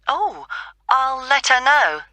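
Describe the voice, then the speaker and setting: Woman playing a very bright, inquiring caller. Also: sits high, sing-song, slow pace, dry recording, exaggerated voice. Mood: interested. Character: interested woman caller asking about volunteering. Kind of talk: scripted listening-test dialogue.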